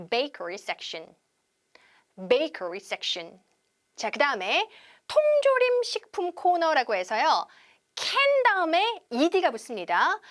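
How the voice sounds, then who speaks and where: A woman teaching English conversation on a TV lesson, drawing out each model word slowly for viewers to repeat. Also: high voice. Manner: lively teacher, slow drawn-out model English words for repeating.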